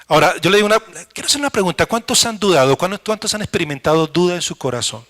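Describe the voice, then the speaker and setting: Bright-voiced animated male pastor. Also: high voice, very fast. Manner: animated preaching, acts out doubting believers in hushed voices. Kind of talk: sermon.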